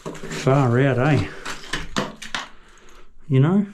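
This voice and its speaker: A man's voice: mid-range voice, animated, background noise. A middle-aged man with an Australian accent, chatting casually as he shows a tiling job. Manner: chatty, slow, folksy Aussie slang. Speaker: tiler. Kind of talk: casual how-to video.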